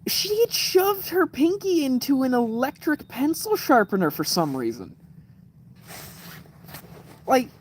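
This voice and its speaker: In a night-time room glowing with kerosene lamplight, a man in his twenties hosts a casual livestream, telling rambling, profane stories riddled with fillers and restarts. His pitch is extremely high with big swings, and he speaks at a measured pace, pausing often. A little hiss or hum runs underneath.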